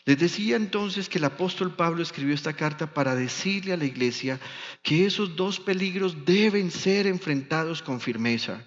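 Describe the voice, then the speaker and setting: A man with a Medellín Colombian accent preaching a sermon as a pastor, telling stories slowly and with emphasis. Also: a little high, a bit bright. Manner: storytelling, slow and emphatic. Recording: dull sound with long hall reverb.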